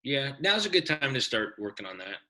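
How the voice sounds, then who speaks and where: A middle-aged man with a very bright, ringing tone talks casually on a podcast. He gives steady, fatherly advice about raising small children. His delivery is firm and practical. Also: medium pitch, fairly quick, poor audio. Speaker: podcast co-host. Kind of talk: casual chat.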